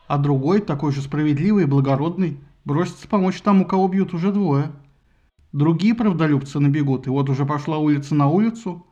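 A man narrating a satirical retelling of Greek myths in a lively, ironic storytelling manner. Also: fairly high pitch, muffled recording. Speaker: audiobook narrator.

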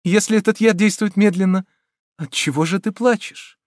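A man reading an audiobook and voicing a proud, anguished young woman with high, strained cries. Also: measured pace, dry recording, clean studio sound, close to an everyday voice. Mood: grimly resolute.

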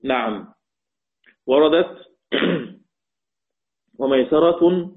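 Egyptian male Quran teacher, fairly high voice, methodical and repetitive, phone-line quality audio. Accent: Egyptian Arabic. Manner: repeats points slowly for note-taking, chants verses drawn out. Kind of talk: lecture on Quranic readings.

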